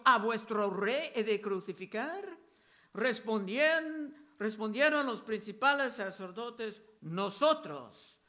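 A man preaching a sermon, reading scripture verses aloud and explaining them slowly and deliberately. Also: very high voice. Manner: slow, deliberate delivery, raising voice for quoted crowd shouts.

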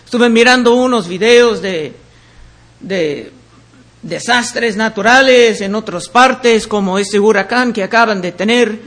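A man teaching the Bible verse by verse. He reads each passage aloud and then explains it in a deliberate way. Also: high-pitched, a bit bright.

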